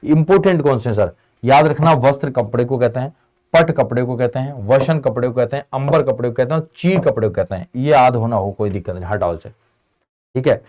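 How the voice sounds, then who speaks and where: On an Indian tutoring channel, a male teacher runs an online exam-prep lesson, his mid-range voice a little fast and darkish in tone. He drills students casually in call-and-response style, posing questions and answering them himself while calling them beta and bhai.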